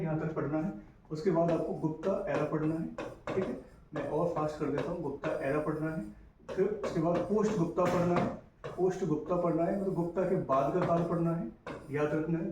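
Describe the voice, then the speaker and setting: A man's voice: a little high, dark tone. Man teaching history in an echoey room. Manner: repetitive, checks in with "clear guys?". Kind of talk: casual exam-prep lecture. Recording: echoey room, distant mic, faint hiss.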